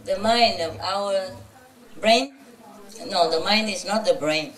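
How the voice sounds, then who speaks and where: A woman's voice: mid-range voice, slow pace, a bit bright. A woman spiritual teacher giving an informal, chatty talk to a gathering, teasing and laughing often. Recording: roomy, from a distance.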